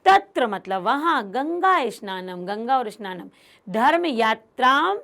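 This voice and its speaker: A woman teacher with a high voice explains a Sanskrit text word by word. She reads each line aloud, then translates it, giving the characters' speech a livelier delivery. Her voice has a gravelly, fry-edged texture. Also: very animated, slow pace, fairly bright tone. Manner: acts out the characters' lines in a livelier voice.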